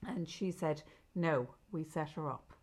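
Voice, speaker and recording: A woman's voice: low-pitched, a little slow, darkish tone, breathy edge. A middle-aged Irish woman co-hosting a podcast with her daughter, retelling a story emphatically in casual chat and quoting what was said. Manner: emphatic, retells with quoted dialogue. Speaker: podcast co-host, mother.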